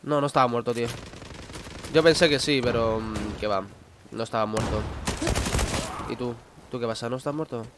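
A man with a Spain Spanish accent giving excitable live gameplay commentary, exclaiming and talking to himself. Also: mid-range voice, moderate pace, long pauses, heavy background noise. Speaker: gaming youtuber. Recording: gameplay audio with gunfire behind. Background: gunfire from the game.

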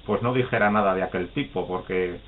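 A man's voice: deep voice, a little fast. Guy telling stories over a call, tinny phone sound, laughs a lot, plays out the voices. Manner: chatty, laughs often, acts out quoted voices. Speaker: guest storyteller. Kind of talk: casual anecdote telling.

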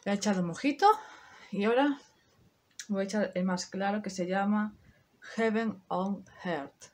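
A woman in her thirties with a Spain Spanish accent talks her viewers through a makeup look in loose, chatty asides. She speaks straight to camera as if to friends and drops the odd swear word. Her voice sits at an ordinary middle pitch. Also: a little slow, a little mellow. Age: 30s. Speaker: beauty vlogger. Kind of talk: casual makeup tutorial chat.

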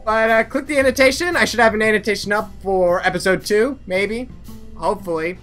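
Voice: mid-range voice, a little fast, fairly bright tone, soft background music. Rambling let's play commentator. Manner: rambling and self-mocking, trailing off into mumbles. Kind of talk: casual game commentary.

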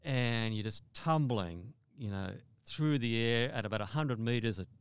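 A man from Australia, a mountaineer guest in an interview, telling a vivid story in a halting way with repeated words. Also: mid-range voice, expressive, smooth, dry recording.

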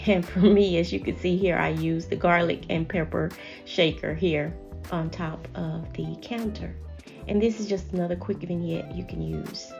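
A woman hosting a home decorating channel, gently chatting viewers through each step in a voice-over. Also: lowish voice, steady tone, normal speed, vocal fry, dull audio, faint music behind. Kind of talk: voice-over narration of a decorating video.

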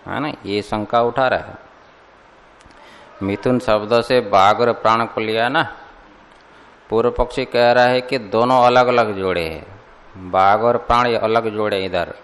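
A man teaching a Sanskrit scripture class, explaining slowly and deliberately and putting questions to his students. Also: mid-range voice, fairly bright tone. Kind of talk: classroom commentary lecture. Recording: long hall reverb.

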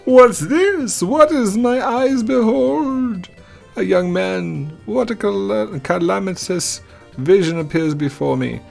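A man voicing a dramatic, grandiose old fortune teller from a video game, with drawn-out theatrical delivery. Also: high voice, animated, creaky, soft background music, voice pushed up, full character voice. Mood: ominous, grandiose.

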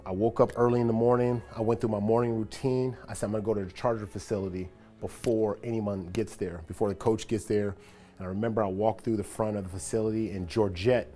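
A man in his forties, a former football player, casually recounting memories while walking through an empty locker room and stadium. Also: on the low side. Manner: relaxed, reflective, animated when greeting a friend. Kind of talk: casual storytelling walk-and-talk.

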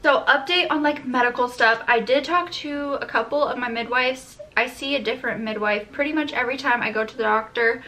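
A woman's voice: on the high side, pushed and bright. A young woman vlogging a casual pregnancy update from home to a camera on a tripod, a little short of breath and chatty, with many ums and likes.

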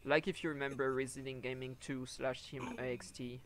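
A man's voice: medium pitch, little pitch movement, brisk, a crowd in the background. A young man streaming a horror game, chatting casually and teasing a friend over voice chat, laughing often. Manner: joking, teasing, laughs a lot. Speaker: gameplay streamer. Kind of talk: casual voice chat while gaming. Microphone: headset or desk mic on voice chat.

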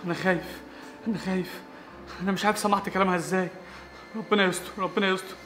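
A woman's voice: medium pitch, steady tone, very fast, fairly bright tone, natural voice. A woman with an Egyptian accent playing a nervous, fretful husband in an amateur web drama, anxious and repeating himself. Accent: Egyptian Arabic. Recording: roomy echo with music under it.

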